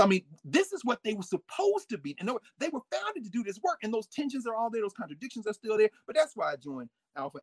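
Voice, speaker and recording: A man, telling stories in a casual, emphatic conversation with a husky voice. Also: a little high, no echo. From United States. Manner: animated, emphatic, quotes people in changing voices. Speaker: guest speaking on fraternities and history.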